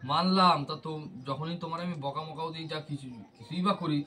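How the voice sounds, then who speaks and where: A man's voice: fairly high pitch, fairly even intonation, brisk, bright, forceful tone. A man pleading and apologizing to his wife during a domestic argument. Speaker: husband being pranked.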